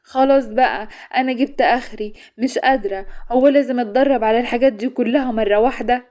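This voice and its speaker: A nervous, defiant young woman, voiced by a woman storyteller, protesting in a raised, slightly higher Egyptian voice. She talks fast, her tone mellow and dark underneath the strain. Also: close to an everyday voice. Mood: weary. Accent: Egyptian Arabic. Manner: pleading, protesting, fretful.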